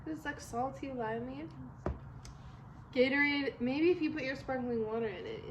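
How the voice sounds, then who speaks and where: A woman's voice: sits high, normal speed, muffled recording. A young adult woman in a casual chat, answering in short slangy phrases. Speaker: vlogger in a food Q&A video with a friend. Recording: clear background noise.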